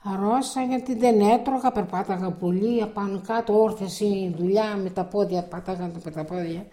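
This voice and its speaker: An older woman telling a life story in a halting, rambling way, full of restarts and quoted dialogue. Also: medium pitch, dark tone. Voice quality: gravelly. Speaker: interviewee. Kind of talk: oral history recollection.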